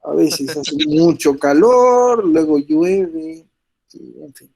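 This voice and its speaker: A man's voice: on the high side, slow, vocal fry, warm tone, rough recording. A man with a slight cold, teaching a math class step by step and constantly checking in with his students. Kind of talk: recorded class lecture.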